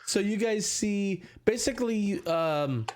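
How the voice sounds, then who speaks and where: A man working as game master, improvising descriptions of a tabletop scene in a halting way. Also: high voice, expressive, darkish tone, a little hiss or hum.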